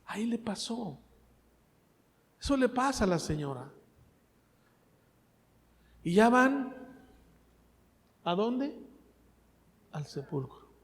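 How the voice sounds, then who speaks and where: A man preaching a sermon, asking the congregation questions and swinging between loud and soft. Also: high-pitched, big pitch swings, slow pace, long pauses, in a large hall. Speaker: pastor.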